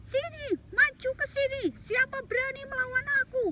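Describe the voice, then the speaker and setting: A woman putting on a loud, taunting giant warrior. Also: extremely high pitch, fairly even intonation, moderate pace, slight background noise, pitched above the performer's own voice, exaggerated voice. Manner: loud shouting taunts, mocking laugh. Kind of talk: bedtime story reading.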